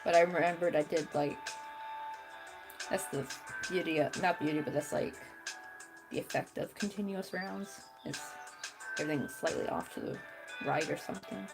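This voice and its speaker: In this low-quality recording, a young adult woman runs a crochet channel and chats while she works, often pausing and muttering frustrations to herself. Her voice is low, gravelly and young-sounding, with fairly even intonation and a moderate pace. Music can be heard underneath.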